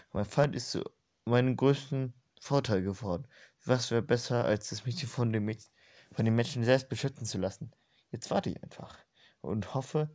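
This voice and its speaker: A man voicing a sinister cloaked male schemer who speaks quietly and coldly. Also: medium pitch, lightly acted.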